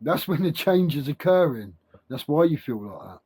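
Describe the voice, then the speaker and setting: A man speaking without his teeth, with soft gummy consonants, giving a halting, repetitive, informal spiritual monologue to camera. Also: fairly high pitch, big pitch swings, slightly rough. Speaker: self-help video creator.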